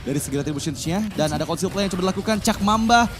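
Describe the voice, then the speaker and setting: A man with an Indonesian accent calling an esports match in an excited game-announcer manner, naming moves and kills. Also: high-pitched, rapid-fire, over music. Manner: announcer-like calls of moves and kills, rising to shouts. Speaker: esports play-by-play caster.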